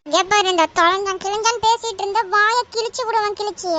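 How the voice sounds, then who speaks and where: A woman's voice: extremely high pitch, fairly even intonation, quick pace, sharp tone. A woman voicing a harried, scolding Tamil mother in a cartoon, speaking with a Tamil accent. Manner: scolding, blunt insults.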